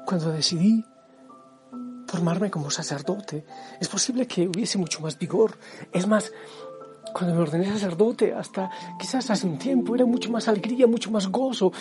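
A middle-aged priest preaches with fervent feeling, swinging between stirring emphasis and soft, almost whispered lines. Gentle music plays clearly beneath his voice throughout. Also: sits high, normal speed, pauses often. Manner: fervent preaching that drops to hushed, near-whispered passages. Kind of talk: devotional sermon. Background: soft music backing.

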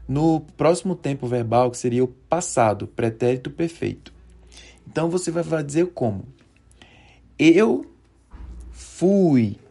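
A man teaching verb conjugations, slow and deliberate, drawing out each form and checking in often with "certo?". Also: mid-range voice, dark tone, breathy edge. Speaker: Portuguese teacher for Spanish speakers. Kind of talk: conjugation lesson.

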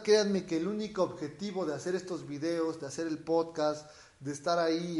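A Mexican man with a raspy, boozy-sounding voice, chatting informally as he explains things and answers viewers' questions. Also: a little high. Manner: informal, explanatory, frequently checking with the listener. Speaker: dog trainer hosting a question-and-answer livestream. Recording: echoey room.

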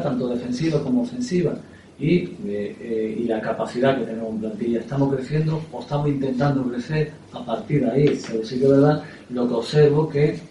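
Halting football coach in an echoey room. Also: male voice, medium pitch, mellow, a little hiss or hum. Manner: halting, repeats words and fills with "eh". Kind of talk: press conference answers. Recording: echoey room, distant mic.

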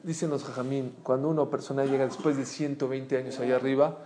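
A man giving an animated, storytelling Torah lesson as a rabbi, often asking his listeners questions. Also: mid-range voice, fast. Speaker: rabbi teaching a Torah class.

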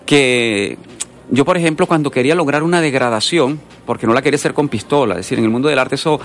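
A man tells his story fast in a radio interview, wandering into asides as he goes. He sits at a studio mic, with a faint hiss underneath. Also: mid-range voice. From Colombia. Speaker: guest artist. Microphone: studio microphone.

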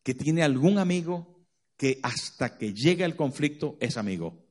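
A man's voice: mid-range voice, lively intonation, a little slow. A man preaching a sermon, dramatic and full of rhetorical questions to the congregation.

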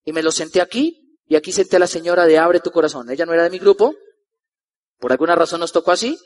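A young Colombian man in his twenties telling a lively personal story to a live audience as a motivational speaker, acting out the people in it. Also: fairly high pitch, fast talker. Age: 20s. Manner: animated, acts out the voices of the people in his story.

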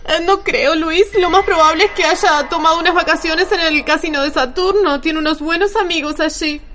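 Brief: woman voicing a gentle alien woman who reassures others, very high and bright, radio play. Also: fairly even intonation, moderate pace. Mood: reassuring. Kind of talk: radio drama acting.

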